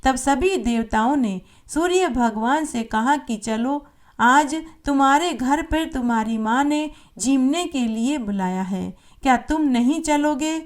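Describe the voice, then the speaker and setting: A woman narrating a devotional folk story at an even, unhurried pace. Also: sits high.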